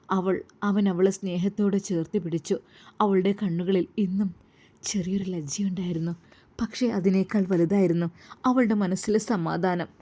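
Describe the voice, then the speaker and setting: A woman tells a story in a calm, gentle narrating voice. Her tone is mellow and her pitch sits mid-range. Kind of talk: scripted narration.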